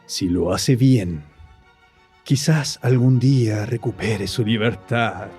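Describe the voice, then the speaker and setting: Husky, slow Doctor Mortis, sinister horror villain. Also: male voice, lowish voice, a little mellow, heavily acted. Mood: menacing, gloating. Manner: theatrical, pompous, mock-courteous, gloating. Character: sinister gloating undead horror villain doctor, grandly menacing. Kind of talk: old horror radio play villain narration. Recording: music behind the voice.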